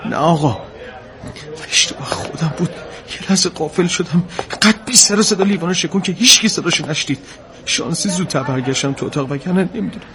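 A man's voice: fairly high pitch, crowd noise, close to an everyday voice. An actor playing a male security officer who defers to his commander and explains what went wrong. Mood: confessing. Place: hospital corridor.

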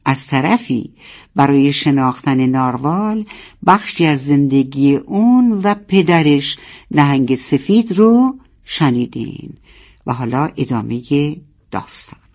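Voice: mid-range voice, expressive, darkish tone. A storyteller reading a children's story aloud and giving the characters their lines.

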